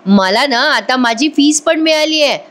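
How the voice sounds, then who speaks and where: A woman reading the lines of a playful young man joking with his uncle, slowed. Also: sits high, lively intonation, fairly bright tone, pitched above the performer's own voice.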